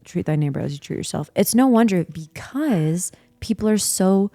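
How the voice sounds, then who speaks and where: A woman's voice: medium pitch, animated, normal speed, mellow, no echo. A woman in a casual spiritual chat, speaking in a reflective, searching way with many fillers.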